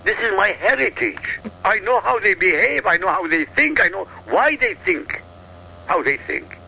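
Forceful, gravelly man from Iraq. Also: high-pitched, expressive, normal speed, slight background noise, rough recording. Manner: emphatic, insistent, rhetorical questions. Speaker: guest commentator. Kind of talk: heated political talk.

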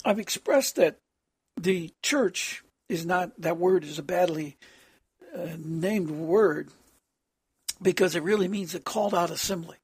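A preacher delivers an off-the-cuff sermon framed as a prayer, his voice harsh and hoarse, mid-range, with no echo. He speaks haltingly and clears his throat often.

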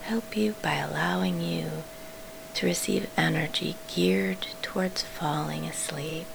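A woman leading a guided sleep meditation in a soft, soothing whisper, pausing between short phrases. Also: low-pitched, fairly even intonation, gravelly, background noise.

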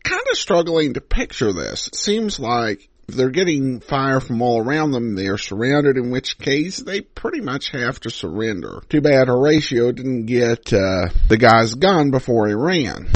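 A dry, close recording of an American man hosting a podcast. His casual commentary has lively, varied intonation at a middling pitch. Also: dry recording. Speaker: podcast host. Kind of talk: casual commentary on old radio serials.

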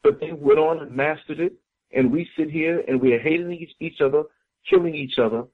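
This American talk-show guest has a fairly high, sing-song voice with some creak, and he talks a little fast. His delivery is fervent and sermon-like, with phrases repeated for emphasis, all heard over a tinny phone-line connection.

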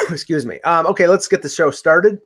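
A man's voice: a little high, moderate pace, a bit bright, husky. A man hosting a casual sports podcast, talking in a rambling way with many restarts and fillers. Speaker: podcast host.

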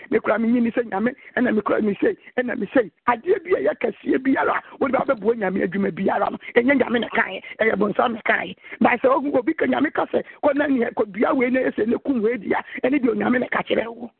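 High, gravelly Ghanaian preacher on a phone line. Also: male voice, no room sound. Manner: exhorting, mixes scripture quotes with local-language preaching. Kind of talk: sermon mixing Twi and English.

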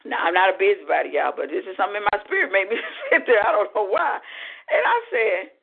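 A woman's voice: mid-range voice, fast, creaky, husky. A woman minister telling a story on a prayer call in a chatty, conversational way. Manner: chatty, animated storyteller with lots of "you know". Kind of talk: conversational testimony on a prayer line. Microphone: phone. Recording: tinny phone line.

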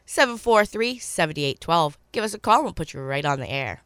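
This radio swap-show host is a woman with a cold who reads listings and says phone numbers slowly and clearly for callers. She sits low in pitch yet sounds expressive and fairly bright, with no echo around her.

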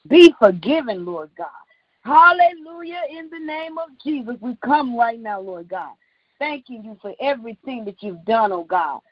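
A woman leading a fervent intercessory prayer, punctuating each phrase with "Lord God" and making commanding declarations that rise to shouts. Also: fairly high pitch, animated, moderate pace, no room sound. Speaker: prayer leader. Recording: dull lo-fi dry recording.

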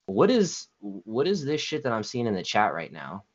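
A man with a lowish voice hosts a casual online show. He talks loosely and profanely as he moderates the call. The audio is dull and lo-fi. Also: wildly swooping pitch, normal speed. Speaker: host.

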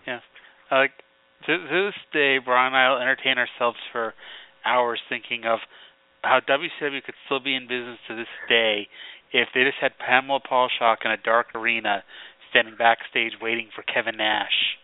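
A man's voice: mid-range voice, steady tone, normal speed, clear, resonant tone, no room sound. A man co-hosting a wrestling podcast, chatting casually and rambling. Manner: rambling, heavy on "like" fillers. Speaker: podcast co-host. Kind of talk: casual chat. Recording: tinny phone-like dry sound.

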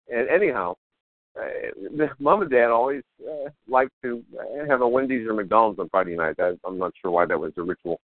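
A man's voice: mid-range voice, brisk, dry recording, phone-quality sound. A middle-aged man giving a casual motivational talk in a wired, over-caffeinated way, eagerly rambling and often restarting his phrases. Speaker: self-help author, interview guest.

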